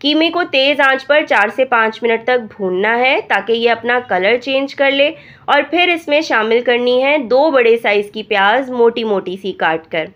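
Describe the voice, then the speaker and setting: Hoarse woman explaining a recipe. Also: a little high, normal speed. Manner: calm step-by-step instructing. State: hoarse from a cold. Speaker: cooking channel host. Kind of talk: recipe voice-over narration. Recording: dull lo-fi voice-over.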